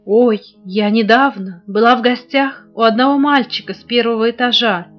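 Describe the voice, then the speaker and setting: A woman's voice: on the high side, normal speed, natural voice. A woman voicing a chatty female toy book in a storybook reading, telling tales eagerly, on a dull lo-fi recording with faint guitar. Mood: gossipy. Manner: gossipy, telling.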